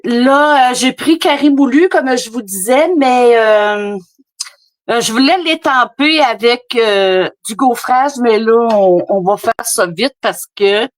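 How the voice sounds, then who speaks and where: Speaking a little high and at a slow pace, a woman with a Québécois French accent rambles through a casual live card-making session. She's chatty and full of fillers, and the sound comes from a phone camera.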